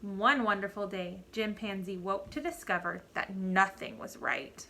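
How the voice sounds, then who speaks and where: A woman reading a picture book aloud to children like a teacher, with deliberate emphasis and asides to the young listeners. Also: medium pitch, expressive, vocal fry, pushed and bright.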